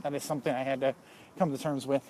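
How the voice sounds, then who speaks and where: A man's voice: mid-range voice, steady tone, quick pace, warm tone, slight background noise. A man talking casually while out walking, rambling and candid with lots of fillers, a little out of breath. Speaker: fitness vlogger. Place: outdoors on a walk.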